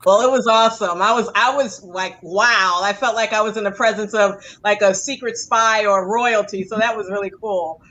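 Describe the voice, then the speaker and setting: A woman interviewing dancers in a relaxed chat, talkative and laughing easily. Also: medium pitch, normal speed, few pauses, dull audio. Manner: chatty, laughs often. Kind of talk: casual interview.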